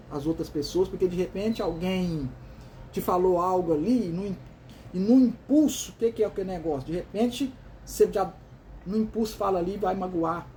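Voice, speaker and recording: Hosting an emphatic motivational talk in Brazilian-accented speech, this man repeats words in runs, poses questions only to answer them himself, and addresses listeners as "dear." His high-pitched voice is gravelly yet a little mellow, with slight background noise.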